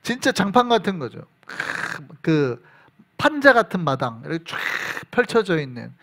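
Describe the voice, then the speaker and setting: A man preaching a Wednesday evening sermon in a church, animated, acting out shouted quotes and dropping to hushed whispers. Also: sits high, moderate pace. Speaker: pastor. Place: church sanctuary.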